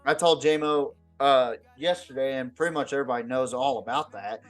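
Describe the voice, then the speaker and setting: A man with a brisk, medium-pitched voice hosts a casual, unscripted football podcast. He talks bluntly, swears, and often repeats words as he goes, with music playing behind him.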